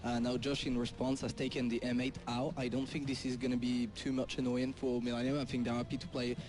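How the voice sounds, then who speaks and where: A man breaks down the match as an esports analyst, speaking in a steady mid-range voice. He works through his points in a measured way, searching for words as he goes. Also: mid-range voice. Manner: measured, thinking aloud with fillers. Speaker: esports co-caster.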